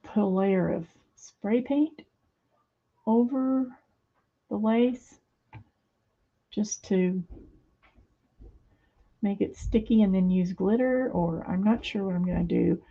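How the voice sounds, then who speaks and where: A woman's voice: medium pitch, takes it slowly, long pauses, mellow, muffled recording. A middle-aged woman hosting a craft video from her home studio, chatting casually and rambling with many fillers as she sews. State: hands a little weak, fumbling.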